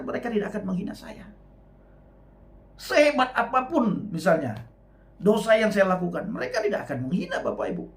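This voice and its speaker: Middle-aged male evangelist, testimony preaching, slightly high voice, very lively intonation, emphatic. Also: gravelly. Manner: emphatic, addresses listeners often.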